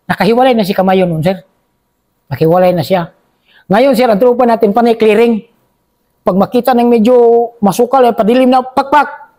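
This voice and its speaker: High-voiced man telling war stories. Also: fairly quick, a little mellow, no room sound. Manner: addresses the listener as sir after nearly every phrase; acts out quoted dialogue in his telling. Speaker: former soldier telling a war story. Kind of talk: spoken war story told to an interviewer.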